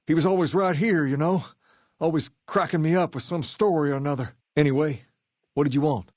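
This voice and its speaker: An actor playing a swaggering, folksy gang boss in a video game, with a laid-back Southern US drawl. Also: male voice, medium pitch, a little mellow, dry recording, studio quality, close to an everyday voice. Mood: shaken, subdued. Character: swaggering, folksy gang boss who idolizes a rock-and-roll singer. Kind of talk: video game character dialogue.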